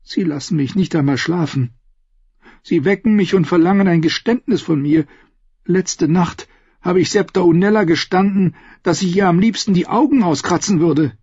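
Ein Mann liest die Dialoge einer jungen, verängstigten, aber trotzigen Königin in einem Hörbuch. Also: male voice, moderate pace, darkish tone, slightly rough, dry recording, highs cut off. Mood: indignant. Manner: shrill, rising outbursts. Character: young queen, frightened yet fiercely defiant. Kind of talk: audiobook dialogue.

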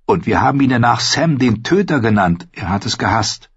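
A man voicing a guilt-ridden young male recruit who talks in a rushed, pressing way. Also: mid-range voice, lively intonation, slightly rough, dry recording, highs cut off, pitched above the performer's own voice. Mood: distraught.

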